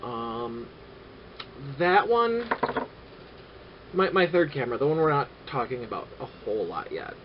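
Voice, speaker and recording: A man vlogging casually about his camera gear, rambling and halting with many filler sounds and dry sarcastic asides. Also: medium pitch, big pitch swings. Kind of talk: casual gear-review vlog. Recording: dull lo-fi audio with faint noise.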